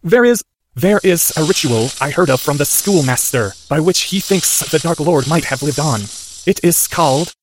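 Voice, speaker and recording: A man's voice: fairly high pitch, expressive, normal speed, noisy background, voice pushed up, lightly acted. A man voicing an earnest, anxious boy wizard, speaking in a strained, urgent way. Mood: urgent, careful.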